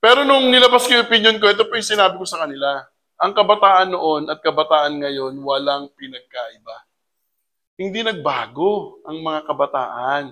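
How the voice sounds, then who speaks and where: A man leads a community orientation, talking to his audience in a lively seminar style. His voice sits high and sounds bright and forceful. He slips English phrases into his talk and keeps putting rhetorical questions to the room. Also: normal speed.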